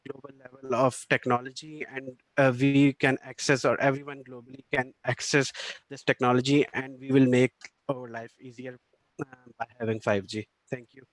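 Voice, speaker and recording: A man speaking at an online conference, hesitant and pausing often with fillers. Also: mid-range voice, little pitch movement, no echo, rough recording.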